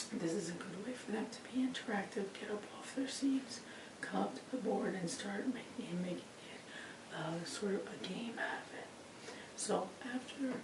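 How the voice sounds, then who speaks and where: A woman teacher presenting a lesson informally, her lost voice hoarse, croaky and effortful, often breaking into a breathy whisper. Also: medium pitch. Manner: effortful, pushing to be heard. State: hoarse, strained, breaking voice from voice loss. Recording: roomy, distant mic with clear background noise.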